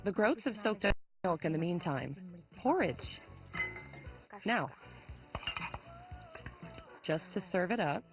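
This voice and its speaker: A woman's voice: lowish voice, lively intonation, slow pace, pauses often, music in the background. A woman cooking at home, narrating each step and teasing her friend in casual banter. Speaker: home cook.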